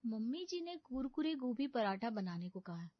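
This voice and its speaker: A woman's voice: fairly high pitch, big pitch swings, normal speed, no room sound, lo-fi sound. A woman doing a naive young bride. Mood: musing. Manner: innocent, sweet and playful.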